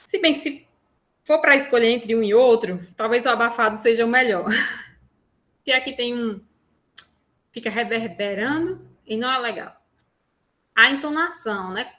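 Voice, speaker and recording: A woman's voice: on the high side, normal speed, pauses often, a bit bright. A woman with a Brazilian Portuguese accent presenting an online workshop from a room at home on a lapel mic, explaining in a chatty way with frequent tag questions. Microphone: lapel mic on a phone.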